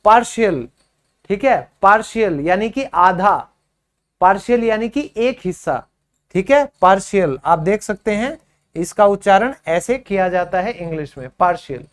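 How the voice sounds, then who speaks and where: A man with a Hindi accent teaching English vocabulary, repeating each word slowly and quizzing his students. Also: high voice, lively intonation. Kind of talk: spoken English lesson.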